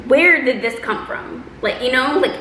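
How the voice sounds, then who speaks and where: A woman telling a personal story in a casual, chatty, animated way, acting out quotes as she goes. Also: sits high, a little slow. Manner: animated, exaggerating delivery with acted-out quotes. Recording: roomy echo, faint background noise.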